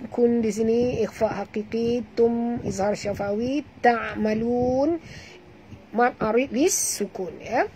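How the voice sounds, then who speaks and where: Her voice a little high and warm, a Malaysian Malay-accented woman teaches tajwid online, demonstrating recitation, repeating sounds patiently, and correcting pronunciation. She speaks a little slowly with few pauses. The audio is poor, carrying a little hiss or hum.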